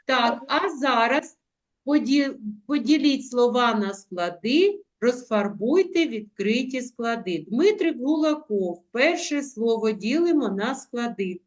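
A woman teaching young children in an online class, coaxing them with diminutives and drawing out words slowly for them to repeat. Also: fairly high pitch, animated. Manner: affectionate, coaxing, uses diminutives; slow, drawn-out word modelling. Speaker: primary school teacher. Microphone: video call.

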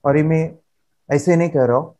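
Energetic male trainer, fairly high voice, drives each point home by repeating it. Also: moderate pace. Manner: emphatic, repeats phrases and affirmations, pleads with listeners. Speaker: motivational trainer. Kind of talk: energetic workshop lecture. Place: seminar room with a seated audience.

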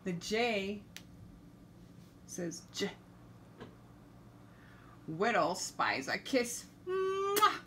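Woman, middle-aged, reading a picture book to a toddler. Unhurried delivery, simple letter teaching, some room noise. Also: medium pitch, expressive, fairly bright tone. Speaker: children's story reader and letter teacher. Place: living room, indoors. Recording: noticeable room background noise.

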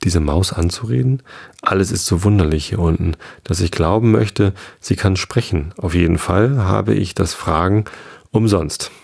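A man voicing a polite, eager young girl in a bedtime storybook reading, with a low, gravelly voice barely lifted. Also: moderate pace, darkish tone, heavily acted. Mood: wondering. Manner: eager and apologetic. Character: polite chatty young girl lost in wonderland.

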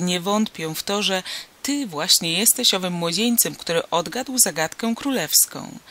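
A man's voice: sits high, bright, forceful tone. A man reading a storybook, voicing a proud, haughty young princess who speaks in an imperious, commanding way.

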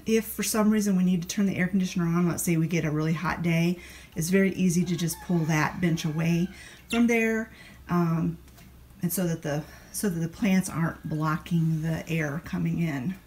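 Her voice is fairly low and darkish at a normal speed, with a little hiss or hum in the audio. The middle-aged woman casually narrates a cleaning vlog as she tidies her country house's plant-filled rooms and kitchen, explaining along the way and restarting sentences often, all shot on a handheld phone camera.

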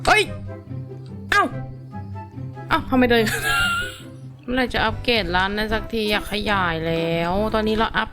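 Lively young woman over background music. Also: medium pitch. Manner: animated, exclaiming and chatting to viewers. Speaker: gaming YouTuber. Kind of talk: casual gameplay commentary.

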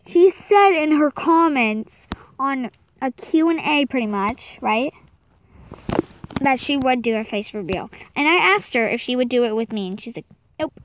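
A woman's voice: sits high, animated, unhurried, slight background noise, poor audio. A young girl chatting casually and rambling while commenting on a game at a friend's house. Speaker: guest commentator.

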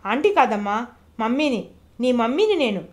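A woman's voice: fairly high pitch, big pitch swings, moderate pace. A woman narrator voicing an affectionate young mother who coaxes a little girl in an audio novel.

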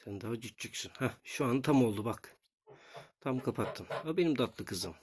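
A man making a casual vlog, talking to his viewers and softly doting on his goose at its nest. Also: medium pitch, lively intonation, moderate pace, husky. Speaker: goose keeper vlogger.

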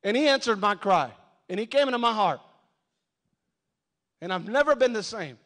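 A middle-aged man preaching a sermon as a pastor, telling his testimony with passion and rising to shouts. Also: sits high, lively intonation, normal speed. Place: church sanctuary.

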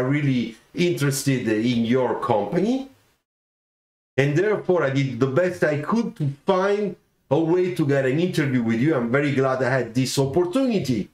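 Middle-aged man, lively pitch, slightly high, webcam in a reverberant home studio. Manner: animated, gestures a lot, keeps asking "okay?". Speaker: car designer giving career advice. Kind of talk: livestreamed talk to viewers. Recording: roomy echoey room sound.

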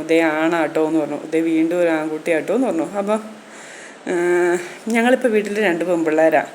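A woman's voice: lowish voice, slight background noise. A woman vlogger and mother telling her own story in a chatty way, often turning to the viewers with "you know". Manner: conversational, frequent tag "keto" addressing listeners.

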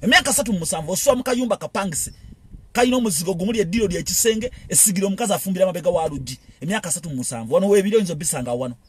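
A political commentator with a Ugandan accent speaks in a high, animated, slightly rough voice. His monologue is impassioned and rapid, packed with repeated phrases and rhetorical questions.

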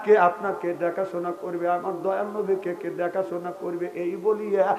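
Male preacher, high and ringing tone, chanting sermon story, echoey loudspeaker sound. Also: flat delivery, brisk. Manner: chanting, surging to shouts, tearful storyteller. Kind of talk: Islamic waz sermon storytelling. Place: open-air religious gathering. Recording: echoey PA sound with faint music.

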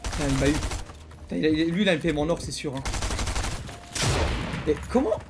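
Excitable young gamer man taunting rivals. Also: fairly high pitch, fast, noisy background. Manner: excitable, taunts opponents in street slang. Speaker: gaming YouTuber. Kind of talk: live gameplay commentary. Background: game music and gunfire.

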